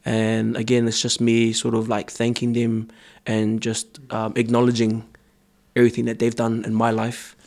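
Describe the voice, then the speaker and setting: A man's voice: medium pitch, monotone, normal speed, darkish tone. A young man, a choreographer answering interview questions earnestly, with many ums and restarts. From born in Samoa, raised in New Zealand. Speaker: dancer and choreographer guest.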